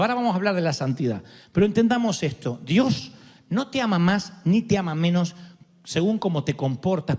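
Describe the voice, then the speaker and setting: An Argentine man preaches with a high, very expressive voice that climbs and dips as he jokes through stories. His sermon rings out in a large, echoing hall. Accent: Argentine Spanish. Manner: animated, joking storytelling preacher. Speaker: pastor.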